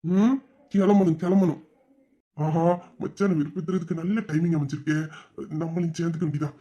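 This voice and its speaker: Sarcastic, put-upon man, for a comedy sketch. Fairly high voice. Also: steady tone, fairly quick, warm tone, husky, dull audio. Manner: sarcastic and grumbling. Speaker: comic sketch performer. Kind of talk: comic sketch, sarcastic asides.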